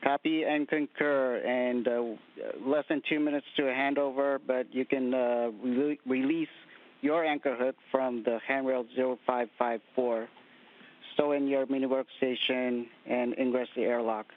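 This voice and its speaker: This is a man heard over a space radio loop, his voice squeezed thin and narrow like a phone line. He keeps to brief, measured acknowledgements and instructions at an ordinary middle pitch, clipped in the way of mission radio calls. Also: fairly even intonation. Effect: space-to-ground radio loop. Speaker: ground controller talking to spacewalkers.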